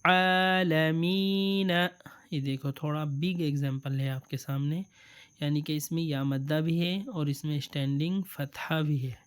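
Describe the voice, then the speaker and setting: Smooth-voiced man teaching letters slowly. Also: a little high, steady tone, a little mellow. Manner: drawls letters and words slowly, then explains quickly; patient, repeats sounds for the learner. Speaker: Quran reading teacher. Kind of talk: step-by-step reading lesson.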